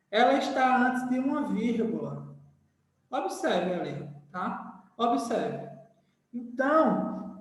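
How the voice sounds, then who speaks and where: A man teaching a grammar lesson to a class, repeating key phrases and checking in with his students. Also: sits high. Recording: echoey hall, voice far from the mic.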